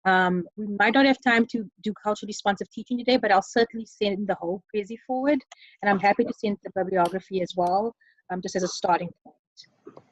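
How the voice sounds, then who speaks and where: A woman's voice: mid-range voice, fairly quick, no echo, lo-fi sound. Hesitant woman on a video call. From South Africa. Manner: hesitant, many ums, earnest. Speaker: webinar facilitator. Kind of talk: online presentation. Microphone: computer mic on a video call.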